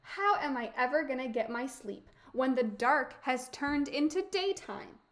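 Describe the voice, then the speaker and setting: A woman's voice: high-pitched, lively intonation, unhurried. A woman reading aloud as a grumpy, stubborn old woman who mutters to herself.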